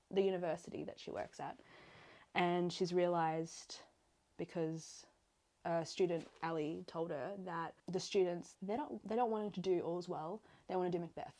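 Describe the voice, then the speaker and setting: A woman's voice: lowish voice, normal speed, warm tone. An Australian woman chatting casually in her bedroom about a book while tidying clothes, rambling with lots of fillers. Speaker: book vlogger. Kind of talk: casual chat.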